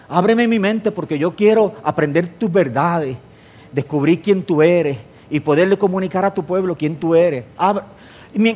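Middle-aged male preacher, high voice, playful with his flock, swings between loud and hushed. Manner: jokes with the congregation, shifts between loud and quiet. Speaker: pastor. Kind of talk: sermon.

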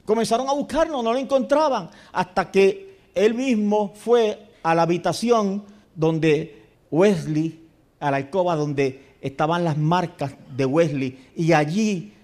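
Guy preaching in church, high voice, tells stories then goes quiet and prays soft over and over. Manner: storytelling, dropping to hushed repeated prayer. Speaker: pastor. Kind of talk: sermon.

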